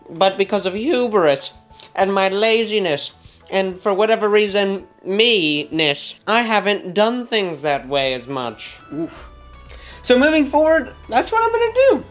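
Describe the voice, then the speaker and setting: Talking to the camera in a loose, rambling style, a man in his twenties pokes fun at himself as he vlogs outside in summer heat before heading indoors. His voice is high-pitched and a little bright.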